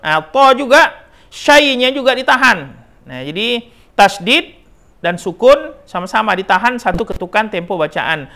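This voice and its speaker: Slow, patient man teaching Quran recitation. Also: high-pitched, big pitch swings, vocal fry, bright, forceful tone. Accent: Indonesian. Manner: slow, drawn-out demonstrations of recited syllables, repeating right and wrong forms; frequent "nah" and "ya" checks with the learner. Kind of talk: Quran pronunciation lesson.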